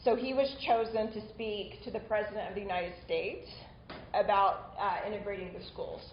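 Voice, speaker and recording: A woman's voice: mid-range voice, fairly even intonation, normal speed, reverberant, lo-fi sound, a little hiss or hum. A woman instructor giving a recorded online lecture in a conversational way, often stopping for small asides.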